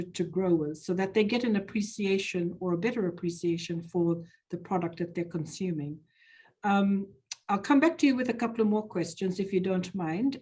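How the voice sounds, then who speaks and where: A woman moderates a webinar panel. She thanks each speaker and asks polite, measured questions before handing over the floor. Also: mid-range voice, a little mellow.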